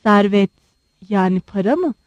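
A woman's voice: mid-range voice, lively intonation, moderate pace, no room sound, highs cut off, pitched below the performer's own voice, close to an everyday voice. A woman reading the part of a timid, bashful young prince who halts and stammers earnestly.

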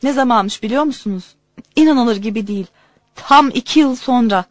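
A woman reading a humorous story aloud in an expressive, conversational way. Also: a little high, normal speed, no room sound, clean studio sound. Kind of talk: storytelling narration.

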